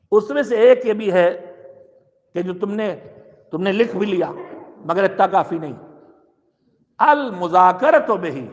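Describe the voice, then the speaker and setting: A man preaching to a gathering with a high voice and a lingering hall echo. He exhorts his listeners and poses rhetorical questions, pressing his points with shifting emphasis. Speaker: cleric giving a majlis address. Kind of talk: sermon. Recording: long hall reverb.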